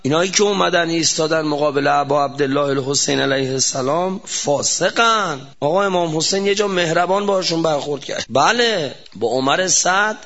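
A man's voice: a little high, hardly any pauses, fairly bright tone, dull audio. A man preaching an impassioned religious sermon, firing rhetorical questions and shifting his pace sharply.

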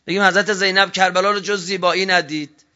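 High, bright-voiced impassioned preacher man. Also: fairly even intonation. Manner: impassioned, swinging from low and quiet to loud shouting; recites classical Arabic slowly and solemnly. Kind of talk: sermon. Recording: dull lo-fi recording.

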